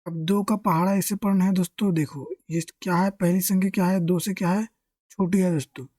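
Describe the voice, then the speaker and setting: A maths teacher explains a lesson step by step in a mellow, warm voice. Questions are posed and answered in the same breath, with constant friendly address to the viewers. The sound is close and dry, with no room echo. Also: medium pitch, fairly even intonation, brisk. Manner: asks questions and answers them himself; keeps addressing listeners as friends.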